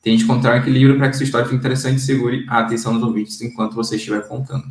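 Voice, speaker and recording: A man's voice: medium pitch, steady tone, rapid-fire, echoey room, far from the mic. A man working as a career coach, giving a casual video lesson in a direct, conversational way and often checking in with his listeners.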